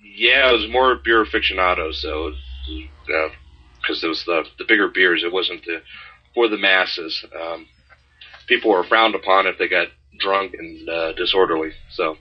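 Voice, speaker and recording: Deep husky man chatting casually. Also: unhurried, highs cut off. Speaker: podcast co-host. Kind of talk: casual chat.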